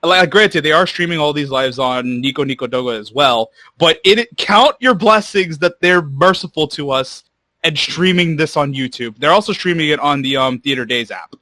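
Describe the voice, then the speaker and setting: A man with a somewhat high, bright, sharp-edged voice chats casually on a podcast. He stammers as he starts his sentences and talks bluntly, with the odd curse. The sound is close and dry. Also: lively intonation, moderate pace, no room sound. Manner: stammering restarts, blunt and swearing. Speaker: podcast co-host.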